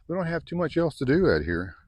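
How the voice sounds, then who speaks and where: A man's voice: on the high side, big pitch swings, a little fast, no echo. A middle-aged man talking casually to camera at a desert camp, rambling easily with lots of fillers. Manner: easygoing, rambling, many fillers. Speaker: vlogger. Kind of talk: casual vlog talk to camera.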